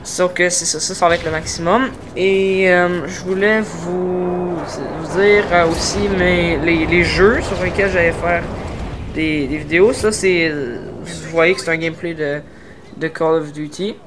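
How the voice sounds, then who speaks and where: A man's voice: fairly high pitch, fairly even intonation, measured pace, noisy background. Hesitant young-sounding Québécois gamer guy. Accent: Québécois French. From Quebec, Canada. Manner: hesitant, many filler sounds and restarts; tries to articulate carefully. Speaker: gaming YouTuber. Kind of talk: casual channel introduction over gameplay.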